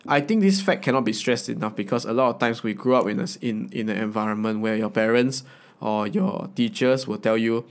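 A man's voice: medium pitch, fairly quick. A young man with a Singaporean accent, chatting and advising in colloquial Singlish, tagging phrases with ah, right and okay. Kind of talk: casual advice chat.

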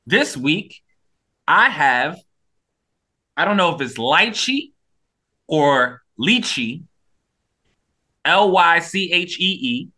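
Casual male co-host, slightly high, bright voice, loose rambling delivery, a little high. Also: animated, slow, pauses often. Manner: laid-back, rambling, swears casually. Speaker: podcast co-host. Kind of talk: casual podcast chat.

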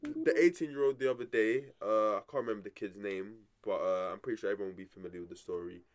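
A man's voice: lowish voice, fast. A young man with a London roadman accent in a casual group discussion, using heavy slang and repeating phrases for emphasis.

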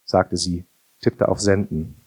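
A male audiobook narrator with a low, somewhat husky voice. He reads calmly and with expression, giving the scripted narration a steady flow. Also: takes it slowly.

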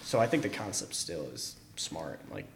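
A man's voice: sits low, big pitch swings, normal speed, vocal fry. A young man co-hosting a podcast, chatting casually and joking around, acting out quoted voices. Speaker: podcast co-host. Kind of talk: casual chat.

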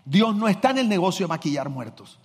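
A man with a fairly high, husky voice preaching a sermon. He swings from loud, driving emphasis to low, confiding asides and acts out little scenes as he goes. The sound carries a long church-hall reverb. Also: big pitch swings, quick pace. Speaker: pastor.

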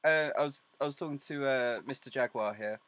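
A man's voice: medium pitch, a little fast, fairly bright tone, dry recording. A man hosting a casual interview with teasing, dry humour. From Essex, England. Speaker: interviewer, host.

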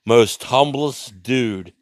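A man's voice: medium pitch, very slow, dry recording, clean studio sound. A man in a casual beer-tasting chat, chiming in with blunt, profane remarks.

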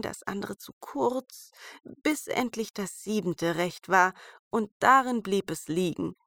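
A woman reading a fairy tale aloud in an even, measured storytelling manner. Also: mid-range voice, no room sound, studio quality.

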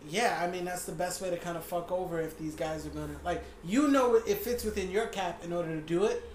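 A man co-hosting a podcast, breaking down sports in a blunt, opinionated way and swearing freely. His voice sits high for a man. The recording sounds echoey, with a faint hiss underneath. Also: brisk. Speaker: podcast co-host. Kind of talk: casual sports chat.

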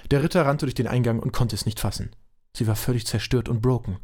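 A man's voice: mid-range voice, quick pace, a little mellow. A man narrating an amateur audio drama in a dry, matter-of-fact way.

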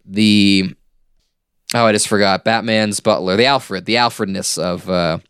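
A man with a deep, clear voice chats as a podcast co-host. His commentary is thoughtful and informal, captured in a clean room without echo. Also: fairly even intonation, a little slow, a bit bright, clean studio sound. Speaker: podcast host discussing an animated series. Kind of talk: casual analytical chat.

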